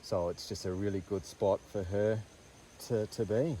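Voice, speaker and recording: A man's voice: fairly low pitch, steady tone, normal speed, mellow, distant mic. An Australian man presenting a casual wildlife field vlog, enthusiastic and colloquial. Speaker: wildlife host. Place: outdoors in the bush. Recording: outdoor field recording with background noise.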